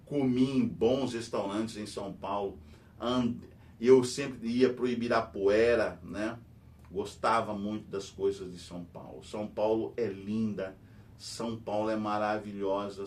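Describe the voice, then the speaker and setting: Rambling Brazilian man, mic at a distance. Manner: rambling, filler-heavy, tag questions. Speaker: history and philosophy teacher hosting a news channel. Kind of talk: rambling casual commentary. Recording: distant mic with faint rumble.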